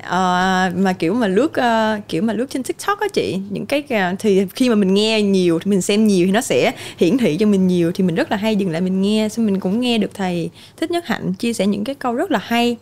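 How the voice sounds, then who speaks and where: A woman's voice: mid-range voice, expressive, a little fast, hardly any pauses, a little mellow. A young woman, a podcast guest talking candidly and laughing easily in casual chat.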